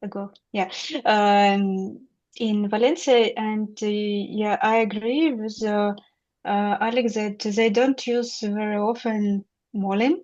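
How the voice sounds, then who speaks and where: A woman's voice: medium pitch, fairly even intonation, slow, darkish tone. A Russian woman with a Russian accent, speaking English conversationally and hesitantly as she searches for words. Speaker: English club participant. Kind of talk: halting conversational second-language speech. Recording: dull lo-fi online call.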